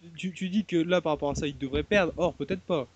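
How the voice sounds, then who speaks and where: Male co-host, casual chat, argumentative, slightly high voice, dry recording. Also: fast talker, slightly rough, no echo. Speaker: wrestling show co-host.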